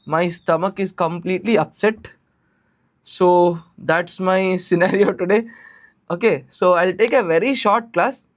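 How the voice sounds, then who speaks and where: Male online tutor, Indian accent, notably high voice, conversational explainer who repeats key phrases and asks check questions. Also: steady tone, a little slow. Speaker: teacher of exam preparation class. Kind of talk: live online lesson, informal explaining.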